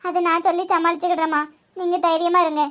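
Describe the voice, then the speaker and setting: A woman's voice: very high voice, flat delivery, fast, fairly bright tone, highs cut off. A woman voicing an earnest young daughter about to marry in a comedy cartoon, with a Tirunelveli Tamil accent and a pleading, reproachful manner.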